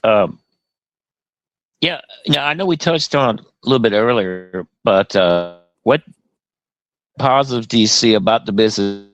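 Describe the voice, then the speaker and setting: A man with a fairly low voice asks his questions haltingly, with plenty of fillers. His words come through a crackly phone line that keeps cutting out. The sound is dull, dry and lo-fi, with no room around it. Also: animated, fairly bright tone, no room sound. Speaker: interviewer. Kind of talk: casual interview over a call. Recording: dull, dry lo-fi call audio.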